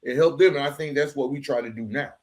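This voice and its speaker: Speaking fast in a medium-pitched voice, a man hosts a podcast interview. His tone is casual and reflective as he affirms his guest and drops slang into his commentary.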